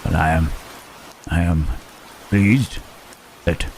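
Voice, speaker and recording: A man voicing Frankenstein's monster as a lonely, gentle creature who stammers and speaks formally in an ASMR roleplay. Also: sits low, steady tone, slow, vocal fry, a little hiss or hum, full character voice. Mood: tender, shy. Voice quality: hesitant, stammering, formal speech. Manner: soft questioning tags, huh, eh, hmm. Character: lonely, gentle male monster, shy and halting. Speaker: voice actor.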